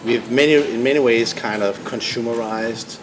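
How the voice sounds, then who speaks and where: With a mid-range voice at normal speed, a man from Denmark speaks in a Danish accent as guest on a business podcast. He's a company founder and CEO, steadily explaining his answers and frequently restarting phrases, recorded in a noisy room.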